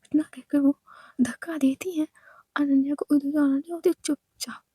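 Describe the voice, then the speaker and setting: A woman narrating a love story in a hushed, mostly whispered voice. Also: high voice, fairly even intonation, normal speed, dry recording, poor audio.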